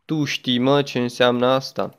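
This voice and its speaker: A man's voice: mid-range voice, flat delivery, fairly bright tone, clean tone. A young man chatting his way through a game as a gaming YouTuber, exclaiming often and talking to the game and a friend. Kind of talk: let's play commentary.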